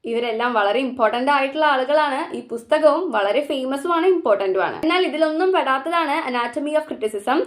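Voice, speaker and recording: A woman with a Malayali accent who reads out exam questions slowly and then explains the answers at a quick pace. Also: high voice, lively intonation. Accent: Malayali English. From Kerala, India. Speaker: exam prep teacher.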